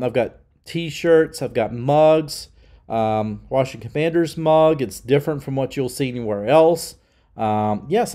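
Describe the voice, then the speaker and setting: On his own channel, a middle-aged man with a dark, medium-pitched voice rants his opinions with heat and emphasis. He sounds nasal, as if he's sick.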